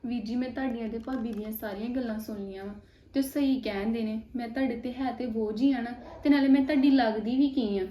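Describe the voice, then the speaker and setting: A woman playing a meek young woman taken in by a family, speaking in a soft, humble, self-effacing way. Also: fairly high pitch, fairly even intonation, fast talker, slight background noise, close to an everyday voice. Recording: echoey, slightly dull, faint music.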